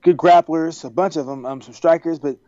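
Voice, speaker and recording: A man from Texas, a podcast guest on a video call, telling stories in a casual, animated way and acting out the dialogue. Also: on the high side, a little fast, no echo. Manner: animated, acts out quoted dialogue. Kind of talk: casual storytelling. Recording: dry, dull video-call audio.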